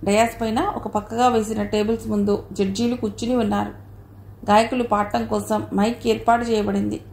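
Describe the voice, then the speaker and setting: A woman narrating an audio novel in a steady storytelling way. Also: fairly high pitch, a little fast. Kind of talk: scripted narration. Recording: roomy echo, faint noise.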